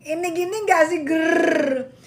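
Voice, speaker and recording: A woman's voice: on the high side, lively intonation, slow pace, pushed and bright. A woman chatting casually in gossip style, laughing a lot and exclaiming often in slangy talk. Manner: uses Jakarta slang. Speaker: gossip vlogger. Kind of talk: casual gossip chat reacting to viewers.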